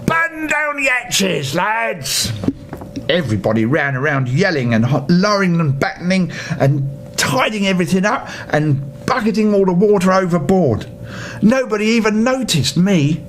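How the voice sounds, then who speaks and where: An older man reads a children's story theatrically at normal speed, his voice animated, and he tosses playful asides to the listener. The home recording is noisy, with rumble.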